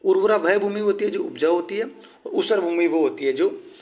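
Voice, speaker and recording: A man teaching a Hindi grammar lesson for exam prep. He explains step by step, asks his own questions and answers them, and his voice drops low and quiet at the end of each answer. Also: moderate pace.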